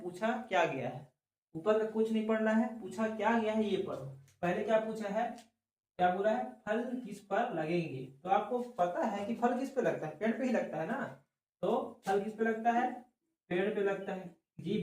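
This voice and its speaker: A man teaching a reasoning lesson for exam students who keeps asking questions and answering them himself, slowly working through each step. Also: high-pitched, darkish tone. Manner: drawn-out explaining. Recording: very echoey room, voice far from the mic.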